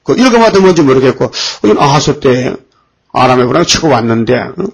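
A man preaching a sermon, often pausing to put questions to the congregation. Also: medium pitch, big pitch swings, breathy edge, poor audio. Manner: rhetorical questions to the congregation, frequent fillers.

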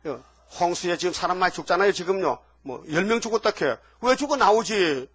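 An older man preaching a sermon, acting out biblical dialogue in animated bursts. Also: high voice, brisk, no room sound. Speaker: pastor.

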